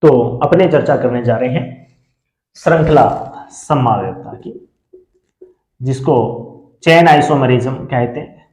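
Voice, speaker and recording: A man teaching a chemistry class, who asks questions and answers them himself and repeats key terms slowly so students can write them down. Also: medium pitch, darkish tone, reverberant, low-quality recording. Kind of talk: classroom lecture.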